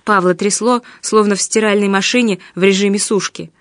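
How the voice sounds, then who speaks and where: A woman narrates an audiobook with an even, expressive reading. Her voice sits at a middle pitch for a woman. The recording is dry and close. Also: brisk, no room sound.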